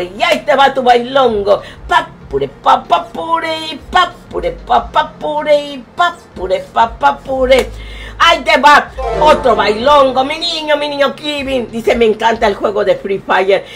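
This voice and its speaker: A woman with a Mexican accent, streaming a game live and fondly greeting viewers in chat. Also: a little high. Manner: affectionate, calls viewers "my love", sings snatches.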